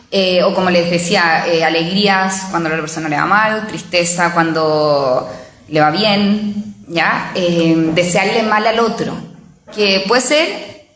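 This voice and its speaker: A woman's voice: mid-range voice, fairly bright tone. A woman theologian gives a conversational talk in a parish, often checking in with her listeners and acting out inner voices. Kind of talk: spoken lecture to a parish group. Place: parish hall. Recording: echoey parish hall.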